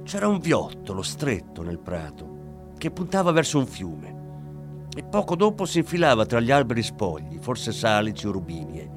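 A man reading a crime story aloud in measured, expressive scripted narration. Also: on the low side. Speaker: audiobook narrator. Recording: faint background music.

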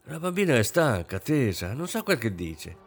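Male reader as a middle-aged father, even and placating, moving pitch. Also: normal speed, faint music behind. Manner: calm, placating. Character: calm middle-aged father, soothing husband. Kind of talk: audiobook reading.

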